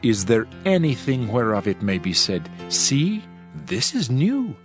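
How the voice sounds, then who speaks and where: A weary old-world king turned preacher recites scripture in a solemn, measured, oratorical, sing-song way at a medium pitch. Background music plays clearly behind him throughout this dramatized audio reading.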